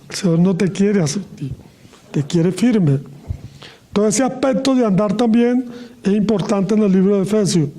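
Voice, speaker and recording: A middle-aged man preaching a sermon in a notably high voice with a mellow, soft tone. He slows down and lets his pitch fall at the end of each phrase.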